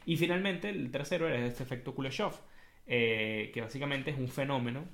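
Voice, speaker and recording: A Venezuelan-accented man hosts a casual monologue at a middling pitch. He explains in a colloquial, animated storytelling manner, dropping in everyday slang. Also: fairly quick, gravelly. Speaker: host.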